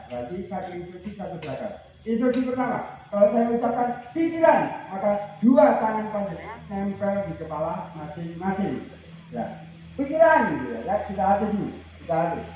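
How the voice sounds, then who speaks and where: A man leading group games at a training outing, calling out commands and teasing the group. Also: sits high. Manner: shouted commands, joking and teasing. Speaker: outbound training facilitator. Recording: distant, roomy, muffled.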